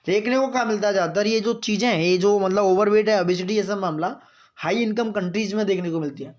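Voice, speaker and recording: A man giving a current-affairs lesson for exam students, reading out points slowly and then explaining them in chatty asides, often checking that his students follow. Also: high voice, muffled recording. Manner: mixes in English phrases, reads slowly, explains in chatty asides; keeps asking "got it, friends?". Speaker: exam-prep teacher.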